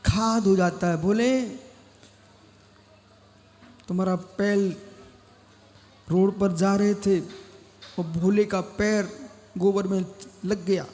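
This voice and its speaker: A man preaching to a gathering in a measured, unhurried cadence, hammering lines home by repeating them. His voice sits high for a man, and it rings with the long reverb of a large hall. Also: warm tone. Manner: slow, emphatic, repeats phrases and calls listeners by name. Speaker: Jain monk preacher. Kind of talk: sermon.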